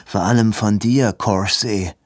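Haughty aristocrat, read by a male narrator, cold and dismissive, slow and affected in a dry, close audiobook sound. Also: lowish voice, steady tone, no echo. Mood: haughty disdain. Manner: disdainful, clipped, affected. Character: haughty aristocratic lord, coldly dismissive man.

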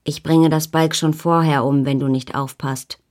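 A drunk, hot-tempered village man who hisses his bitter threats, as a woman reader gives him voice. His tone stays low and hostile throughout this audiobook scene. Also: level tone, moderate pace, darkish tone, natural voice. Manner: hissing, hostile. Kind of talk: audiobook character voice.

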